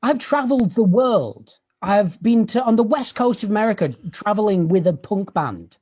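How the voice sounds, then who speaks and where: Male comic, 30s, slightly high husky voice, lively dry delivery, recorded through a video call. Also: normal speed. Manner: dry, self-deprecating storytelling with quiet asides. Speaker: stand-up comedian. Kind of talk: stand-up set over video call.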